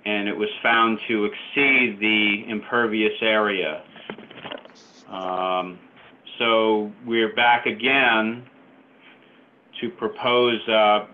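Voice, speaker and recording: A man joining a virtual public meeting by phone, presenting his application hesitantly with many fillers and restarts. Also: fairly low pitch. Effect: heard over a phone line. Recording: tinny phone line.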